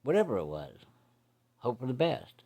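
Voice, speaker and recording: A man's voice: medium pitch, wildly swooping pitch, moderate pace, a little mellow, husky. A middle-aged man telling a childhood story in a casual, plainspoken way, using folksy rural grammar.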